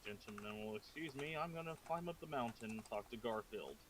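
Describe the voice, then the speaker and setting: A man's voice: medium pitch, animated, a little fast, noisy background. A man playing a tabletop game, speaking casually in character. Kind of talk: casual in-character role-play.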